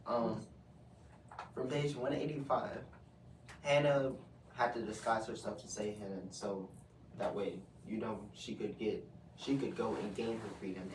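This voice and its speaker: A man's voice: lowish voice, distant mic. Give me a man leading a student book discussion, heard from across an echoey, noisy room. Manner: reads out quotes, then asks questions. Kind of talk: casual class book discussion.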